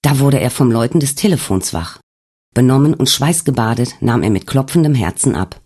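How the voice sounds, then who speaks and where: A man narrating a novel as an audiobook in a steady, storytelling manner. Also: medium pitch, fairly quick, slightly rough. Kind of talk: scripted narration.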